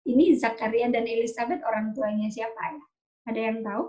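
A woman preaches to her congregation, retelling a story in a chatty, conversational way with frequent fillers. Her voice sits a little high but has a mellow tone. The recording sounds dull and lo-fi. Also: fairly even intonation, a little fast. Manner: conversational, many fillers and tag questions. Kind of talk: sermon storytelling.

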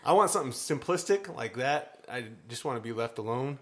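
A man's voice: medium pitch, animated, a little fast, a bit bright. Hesitant man rambling with fillers. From Phoenix area, Arizona. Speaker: beer club member. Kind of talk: casual group chat.

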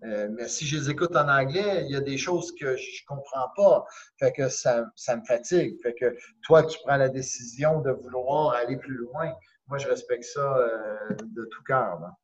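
Québécois karate teacher, male, mid-pitched, casual and encouraging, slightly muffled audio. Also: normal speed. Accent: Québécois French. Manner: warm and encouraging, drops in English phrases. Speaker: karate instructor, guest. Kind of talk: casual interview chat.

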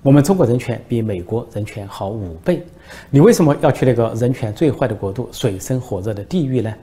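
A man's voice: medium pitch, lively intonation, a little fast, mellow, natural voice. A man voicing a stern, preachy male customs officer who asks pointed questions and lectures. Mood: questioning, lecturing.

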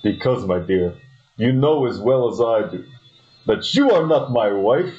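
A smug aristocratic husband on lo-fi audio. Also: male voice, mid-range voice, very animated, unhurried, noisy background. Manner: smooth, smug, theatrical. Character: suave, calculating aristocratic husband.

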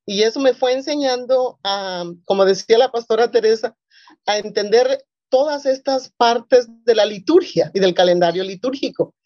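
A woman's voice: on the high side, moderate pace, dry recording. Woman pastor from Colombia, earnest, rambling panelist, dull dry audio. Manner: earnest, rambling with many fillers. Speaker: presbyterian pastor. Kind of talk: panel discussion.

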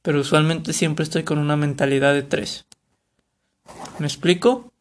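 A man's voice: on the high side, fairly even intonation, normal speed. A young man with a Mexican Spanish accent, talking casually to camera about a book, rambling and correcting himself. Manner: rambling, self-correcting, colloquial. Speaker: vlogger reviewing a book.

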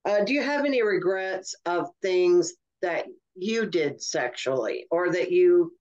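Low-voiced woman hosting a podcast. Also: animated, a little slow, darkish tone. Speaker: podcast host. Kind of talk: interview questions. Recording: dull lo-fi podcast audio.

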